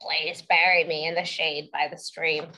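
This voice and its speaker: A woman doing a gentle mother frog. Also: low-pitched, level tone, unhurried, voice pushed down, low-quality recording.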